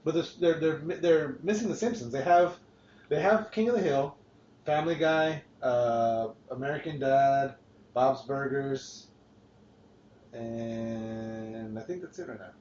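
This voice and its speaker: A man's voice: mid-range voice, unhurried, a little mellow, slight background noise. Male podcast host, casual and profane, roomy lo-fi sound. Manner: rambling, swears freely, frequent restarts. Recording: roomy, dull lo-fi podcast recording.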